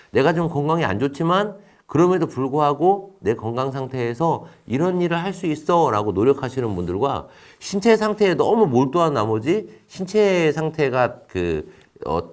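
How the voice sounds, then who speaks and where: A man giving a recorded lecture in an explanatory tone, asking questions and then answering them himself, with frequent fillers. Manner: explanatory, asks and answers his own questions; frequent fillers, lively rises and drops in pitch.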